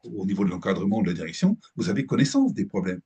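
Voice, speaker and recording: Man presenting to a room, lively pitch, dark voice, very husky, halting restarts. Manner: hesitant, many restarts and fillers, animated. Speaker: speaker at a business breakfast talk. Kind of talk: live presentation to an audience.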